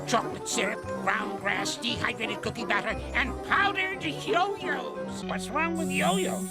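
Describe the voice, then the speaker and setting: A man's voice: very high-pitched, unhurried. An actor playing a cranky, boastful old male ape in a cartoon, who blusters, hurls goofy insults and mutters to himself. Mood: scheming. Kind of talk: cartoon voice acting. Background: cartoon music and sound effects.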